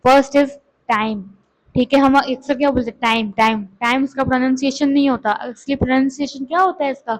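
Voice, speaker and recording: A woman teaching English to beginners, explaining in Hindi and reading English lines slowly and carefully. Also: high-pitched, fairly even intonation, poor audio. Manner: repeats words and asks questions to the viewer. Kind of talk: lesson.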